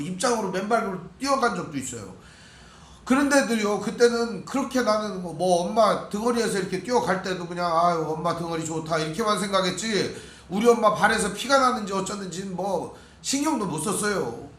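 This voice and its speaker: A middle-aged male pastor with a high voice preaches a sermon in an echoey church sanctuary. He keeps turning to the congregation with questions. Now and then he slips into acting out the people in the text. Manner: acts out biblical speakers in quoted voices, shouting their pleas. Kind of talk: expository sermon.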